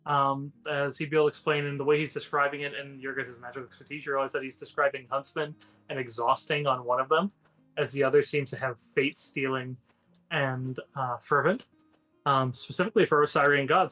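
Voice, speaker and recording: A man's voice: medium pitch, fairly even intonation, a little fast, bright, forceful tone, faint music behind. A man narrating a tabletop game as game master, explaining things at length and correcting himself as he goes. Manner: rambling, self-correcting explanations.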